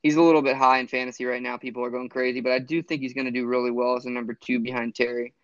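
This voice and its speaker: A man's voice: mid-range voice, flat delivery, rapid-fire, fairly bright tone, no room sound, lo-fi sound. A man co-hosting a sports podcast, rambling with fillers and restarts. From Florida. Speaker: podcast co-host. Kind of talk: casual sports chat.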